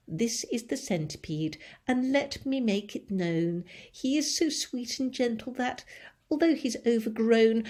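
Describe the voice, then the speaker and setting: A woman voicing a cheerful, friendly small boy who calls out eagerly in a storybook reading. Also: fairly low pitch. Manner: bright, eager calling out.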